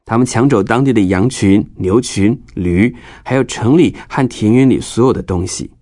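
Casting: male children's storyteller, lowish voice, explanatory Bible narration for young listeners, dry close sound. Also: normal speed, warm tone, dry recording.

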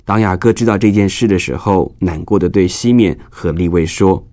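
Casting: male children's storyteller, lowish voice, explanatory Bible narration for young listeners, dry close sound. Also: moderate pace, darkish tone, no room sound.

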